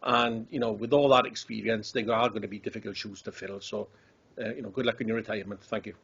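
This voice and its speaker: A man's voice: fairly low pitch, fairly even intonation, fast talker, vocal fry, fairly bright tone, husky. A man with a Welsh accent, a councillor, giving a stumbling farewell tribute that repeats words. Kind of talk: tribute speech at a council meeting. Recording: dull lo-fi chamber mic.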